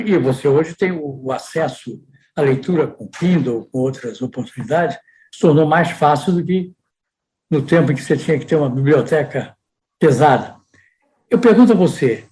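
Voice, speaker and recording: A man's voice: a little high, a little mellow, rough recording. A man hosting a podcast, speaking thoughtfully and asking questions. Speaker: podcast host. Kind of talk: casual podcast conversation.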